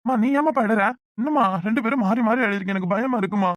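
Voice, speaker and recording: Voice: mid-range voice, fast, dry recording, natural voice. A voice actor playing a worried young husband in a village cartoon, who speaks in an anxious, pleading way. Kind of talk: Tamil village cartoon voice acting.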